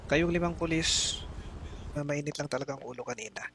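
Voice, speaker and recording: A man's voice: a little high, fairly quick, a bit bright, husky. A man playing a town mayor in a voice-chat role-play, talking in a bossy, commanding way. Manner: bossy and commanding, snaps when challenged. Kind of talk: in-character role-play over game voice chat.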